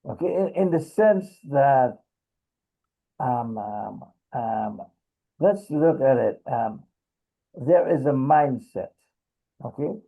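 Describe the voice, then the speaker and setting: Slow gravelly guy from trinidad, lots of ums, tinny call audio. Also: medium pitch, expressive. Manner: halting, many pauses and fillers. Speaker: discussion participant. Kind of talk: casual discussion.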